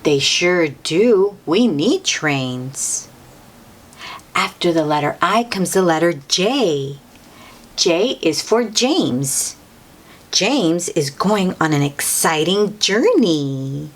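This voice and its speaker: A woman with a lowish voice and wide swings in pitch reads a picture book aloud to children at a slow pace. Like a teacher, she repeats and stresses key words and speaks directly to the young listener.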